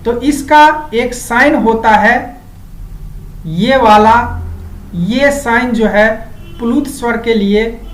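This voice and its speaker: A woman teaching an exam-prep grammar lesson, slow and deliberate, repeating key points as questions and answering them. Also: a little high, echoey room, rough recording.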